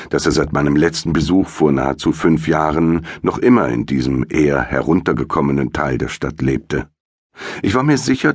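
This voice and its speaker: A man narrates a first-person audiobook in a measured, dramatic way. His voice is extremely low and slightly husky. The recording is dry and close with no room sound. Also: darkish tone, no room sound.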